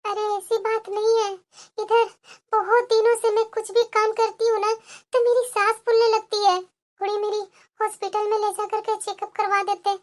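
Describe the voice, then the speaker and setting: A woman voicing a meek, tired young daughter-in-law in a cartoon, speaking softly and pleadingly. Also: extremely high pitch, little pitch movement, normal speed. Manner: soft, pleading, subdued. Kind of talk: cartoon voice acting.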